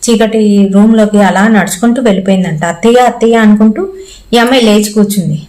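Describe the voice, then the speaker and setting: A woman's voice: medium pitch, brisk, a little mellow, rough recording. A woman with a Telugu accent telling a ghost story in a casual, conversational way. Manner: conversational, acts out quoted lines in her own voice. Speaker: horror story narrator.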